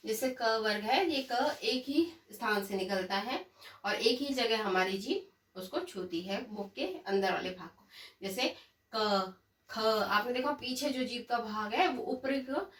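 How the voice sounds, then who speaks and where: A woman teacher giving a lesson, reciting slowly and pausing often to check in with her students. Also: fairly high pitch, fairly bright tone. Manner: slow, drawn-out recitation with frequent check-ins. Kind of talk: classroom lesson. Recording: echoey room, voice from a distance.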